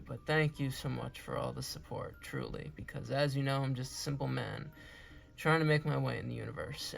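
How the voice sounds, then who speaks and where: A man's voice: mid-range voice, creaky. A man giving a casual, earnest and enthusiastic hobby review as host, repeating himself, his speech affected by recovery from wisdom tooth removal. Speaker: toy reviewer and channel host.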